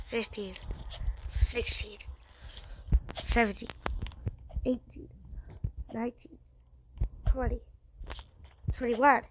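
A woman's voice: a little high, noisy background. A young woman acting out a silly solo comedy skit, now and then dropping into whispered asides. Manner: goofy, slips into whispered asides.

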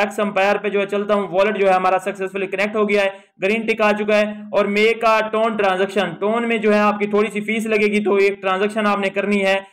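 A man hosting a tutorial video, talking through an app step by step in a voice-over and padding nearly every phrase with the same filler. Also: sits high. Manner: fills almost every phrase with a habitual filler; steady explaining tone, step by step. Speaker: YouTube tutorial host. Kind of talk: screen walkthrough voice-over.

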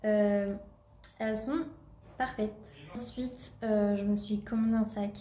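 A woman's voice: medium pitch, steady tone, a little slow, dark tone, echoey room. A woman with a Normandy French accent chatting casually at home in a vlog, with many fillers and restarts. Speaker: vlogger.

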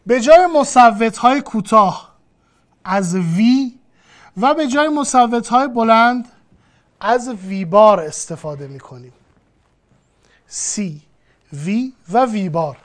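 A teacher giving a lesson, explaining patiently step by step and speaking straight to the student. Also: mid-range voice. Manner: explanatory, repeats and addresses the student directly. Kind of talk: classroom lesson.

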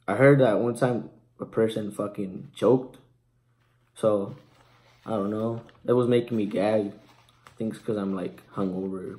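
A man's voice: mid-range voice, darkish tone. A man in his twenties chatting casually to camera as a vlogger, hesitant and laid-back. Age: 20s. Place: small room at home, indoors.

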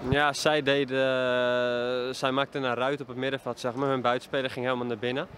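A young man in his twenties, a football player answering post-match questions with many pauses and fillers, speaking into a handheld mic outdoors at a stadium. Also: medium pitch, flat delivery, fairly bright tone. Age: 20s. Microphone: handheld reporter mic held up to him. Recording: faint outdoor noise.

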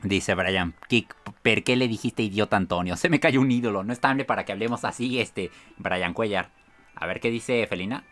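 Mexican male streamer, bright voice, shrieks and laughs a lot while reading chat. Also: fairly low pitch, normal speed, soft background music. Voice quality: bursts into shrieks and squeals of excitement, laughs often. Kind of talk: excited gameplay commentary, reading chat aloud.

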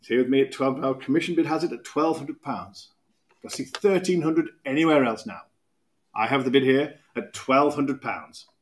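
A man in his thirties with a British accent, working as an auctioneer at a podium, calling bids in a brisk, repetitive rhythm with quick asides. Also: mid-range voice. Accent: British English. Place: auction room podium, indoors.

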